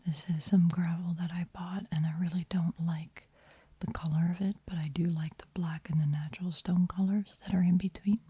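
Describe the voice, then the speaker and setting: A woman speaking in a hushed, whispery voice as an ASMR host, gentle and unhurried. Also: fairly low pitch, fairly even intonation, husky, dry recording. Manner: slow, unhurried, gentle murmur. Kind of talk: soft-spoken ASMR.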